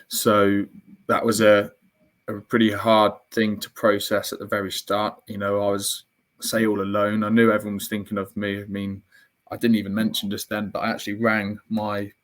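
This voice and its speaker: A man's voice: lowish voice, a bit bright. A young man, an interview guest, telling a personal story in a reflective, candid way with frequent fillers and restarts.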